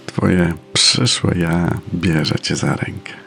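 Very deep, slow male meditation guide. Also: gravelly. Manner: soft, soothing, unhurried delivery with pauses. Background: faint music.

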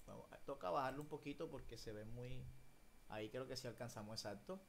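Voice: medium pitch, fairly quick, gravelly, a bit bright. A teacher running an online English class for children, switching between Spanish and English, patient and encouraging as they coax each child by name.

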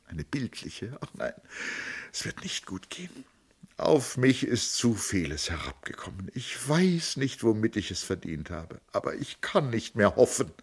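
A man's voice: very animated, moderate pace, hardly any pauses, husky, exaggerated voice. A man reading a novel aloud, voicing a desperate middle-aged woman who pleads and sobs. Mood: tearful lament. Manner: pleading, sobbing, rising to high breaks.

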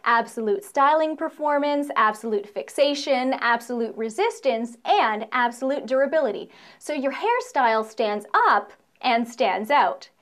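A young woman with a high-pitched voice presents a scripted corporate promo. She sounds upbeat and playful, with a salesy push on the product lists. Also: lively intonation, measured pace, hardly any pauses, fairly bright tone.

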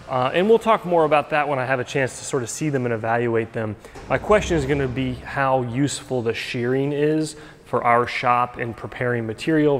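A man in his thirties rambles quickly and cheerfully about his work, filling pauses with ums. He is holding the camera close while he walks around a large shop. The space gives his voice a long, hall-like reverb, and there is a faint background hum. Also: mid-range voice. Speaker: machine shop owner. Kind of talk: casual vlog talk. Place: large open machine shop workspace. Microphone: handheld camera close to face.

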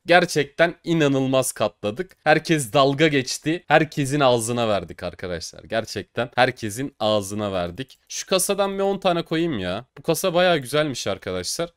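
A young man giving casual, excitable commentary while opening cases, boasting loudly and groaning at losses. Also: medium pitch, no room sound, studio quality. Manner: excitable, swings between boasting shouts and mock crying. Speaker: gaming streamer.

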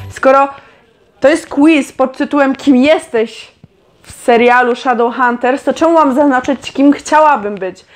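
A young woman casually reading quiz questions aloud and answering them with chatty, sarcastic comments. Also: sits high. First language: Polish. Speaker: vlogger.

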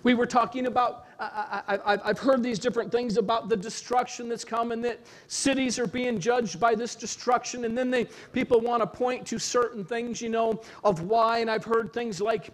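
A man pastor preaching a sermon, reading scripture aloud and then expounding on it in an earnest, searching way with slow emphatic pauses. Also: very high voice, little pitch movement.

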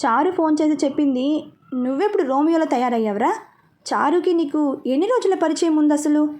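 A stern young man who watches over his cousin, giving firm and commanding orders, as a woman storyteller reads his part. The voice sits high, with a mellow, soft tone, in a spoken audio story. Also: lively intonation, fairly quick.

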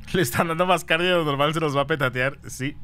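A man's voice: a little high, sharp tone, slight background noise. A man streaming a ghost-hunting game, chatting with viewers and thanking them, with dramatic exclamations. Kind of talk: live game stream with chat.

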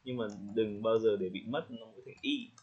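Man coaching pronunciation, husky. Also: on the low side. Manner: friendly, demonstrates words slowly with small laughs. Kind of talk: casual spoken feedback on a student's recording. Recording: slightly dull lo-fi audio.

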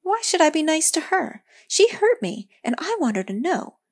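A woman's voice: high voice, sing-song, normal speed, voice pushed up. Woman doing an indignant little girl. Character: upset young girl, indignant and stubborn.

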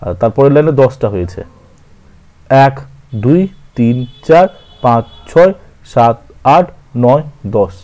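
A man's voice: medium pitch, lively intonation, unhurried, a little mellow. A man with a Bengali accent teaching verse scansion, counting syllables aloud and correcting his own slips. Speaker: literature teacher.

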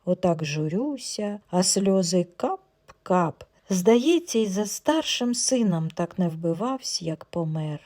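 Mellow woman telling a folk tale. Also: lowish voice, takes it slowly. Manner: lively, expressive folk storytelling. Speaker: audiobook narrator. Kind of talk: storytelling audiobook narration.

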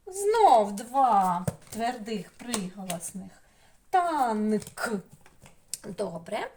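A middle-aged woman with a Ukrainian accent teaches young children in a remote lesson. She talks at an unhurried pace in a fairly high voice and stretches out the sounds of each word in a sing-song way. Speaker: preschool teacher.

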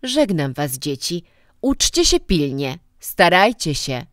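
A woman's voice: on the low side, sing-song, slow pace, a bit bright, dry recording, clean studio sound, full character voice. A woman reading a story voices a stern, mocking middle-aged man, a school director who scolds and lectures. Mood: curt.

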